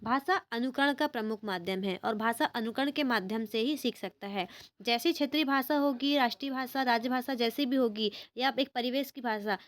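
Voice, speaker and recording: A woman's voice: a little high, moderate pace, no echo. A young woman teaching an exam-prep lesson, asking questions and answering them herself and repeating key words to help students remember.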